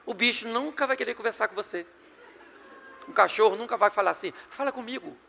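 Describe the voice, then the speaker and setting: A middle-aged Brazilian pastor preaching an animated, joking sermon to a live congregation. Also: male voice, sits high, fast, vocal fry, slight background noise. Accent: Brazilian Portuguese. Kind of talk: sermon on marriage and communication. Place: church hall before a live congregation. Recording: long hall reverb.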